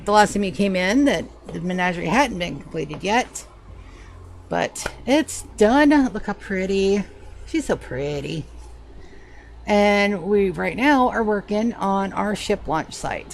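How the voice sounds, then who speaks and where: A creaky, mid-range voice, heard over slight background noise, comes from a woman with a Georgia accent and a slight lisp. She chats casually to viewers as she streams a game, greeting them by name throughout her live commentary.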